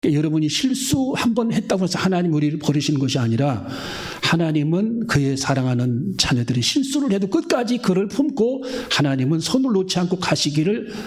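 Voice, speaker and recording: A man's voice: on the high side, very animated, fairly quick, darkish tone. A middle-aged male pastor preaching a sermon in a church, asking the congregation questions and acting out voices in his stories. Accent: Korean, Daejeon church. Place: church sanctuary.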